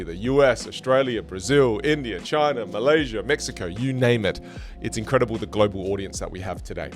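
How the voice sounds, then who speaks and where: In an online English lesson, a man with a medium-pitched voice teaches communication skills with animated, jokey energy. Teochew is his first language.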